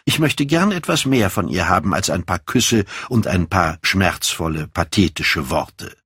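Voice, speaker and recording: A man's voice: low voice, big pitch swings, measured pace, fairly bright tone, slightly rough, no room sound, studio quality, heavily acted. A man reading an audiobook, voicing a proud, secretive and volatile young man in a raised voice. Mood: evasive.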